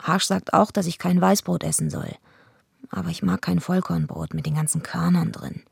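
Gravelly, deadpan tough female wrestler. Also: fairly low pitch, normal speed, no echo, clean studio sound, exaggerated voice. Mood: brooding, confiding. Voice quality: raspy, gravelly. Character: tough surly female wrestler villain narrating her own story. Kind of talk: first-person radio play narration.

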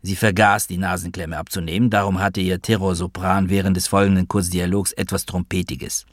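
A man's voice: low voice, flat delivery, a little fast, no room sound, clean studio sound. A man narrating an audiobook in the first person, in a wry tone. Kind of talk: audiobook reading.

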